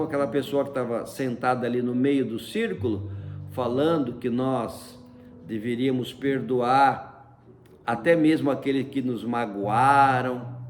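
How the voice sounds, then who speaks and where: A man casually telling a personal story in a chatty way, often tagging "né?" and using fond diminutives. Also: mid-range voice. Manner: chatty, fills with frequent "né?"; uses many fond diminutives. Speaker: storyteller recounting a personal experience.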